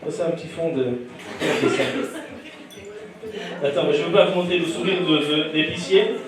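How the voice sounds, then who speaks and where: A man's voice: fairly high pitch, steady tone, normal speed, a crowd in the background. A man doing live stand-up, teasing and bantering with diners in a comedy club. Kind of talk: live stand-up crowd work. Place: comedy club during dinner service. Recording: echoey room, distant mic, audience.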